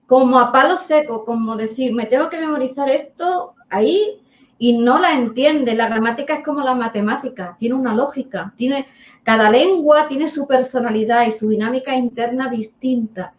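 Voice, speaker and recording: A woman host, speaking earnestly and emphatically in a casual interview. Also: high-pitched. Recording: roomy, dull remote audio.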